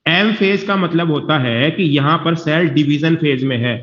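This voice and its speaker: This male biology teacher speaks a little slowly in a highish, fairly bright voice, reassuring the class, repeating points and making sure they understand. His lecture comes through muffled and roomy, a dull classroom recording with echo.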